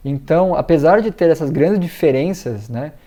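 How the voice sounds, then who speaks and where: A man's voice: on the high side, lively intonation, moderate pace, warm tone. A man teaching English in a casual video lesson, chatting with many fillers and reading out viewer comments. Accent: Brazilian Portuguese.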